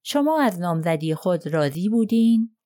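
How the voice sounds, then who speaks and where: In this audiobook reading, a woman performs a cold, unyielding male lawyer grilling a witness with searching questions. Her voice is lowish and dark, with wide swings in pitch.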